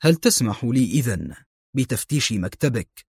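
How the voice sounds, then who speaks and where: A shrewd police inspector, played by a male narrator, speaking low, quiet and measured with a stern edge. The husky voice sits close and dry in this audiobook tale. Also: lively intonation, dry recording.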